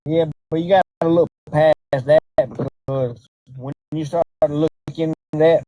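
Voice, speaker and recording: A man's voice: on the high side, fairly even intonation, unhurried, dry recording, phone-quality sound. A man hosting a casual livestream, talking in a laid-back, slangy way as he directs his chat. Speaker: livestream host.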